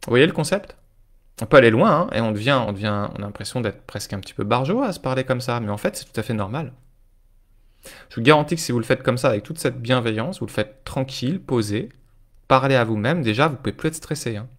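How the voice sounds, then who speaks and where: A man's voice: mid-range voice, expressive, fast, fairly bright tone. A male life coach giving a live-streamed talk, speaking informally to viewers and checking in with them often.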